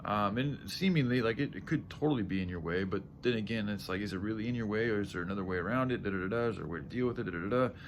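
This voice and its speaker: A vlogger with a groggy, tired, lowish voice talks casually to his viewers, rambling in a halting, self-correcting way, swearing and often clearing his throat. There's a little hiss or hum on the recording.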